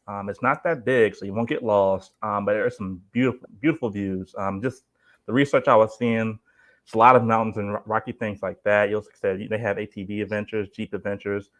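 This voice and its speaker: A man with a lowish voice talks as a guest on a casual travel chat. He explains his tips informally, in a loose conversational way. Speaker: guest, solo cruise traveler.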